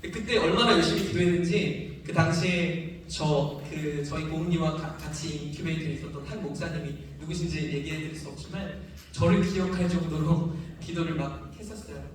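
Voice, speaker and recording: A man with a high voice gives an emotional sermon testimony, acting out voices and sounds as he tells the story. His voice rings around a very echoey church hall, heard from a distance with faint noise behind. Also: steady tone, fairly quick. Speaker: preacher giving testimony. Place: church sanctuary.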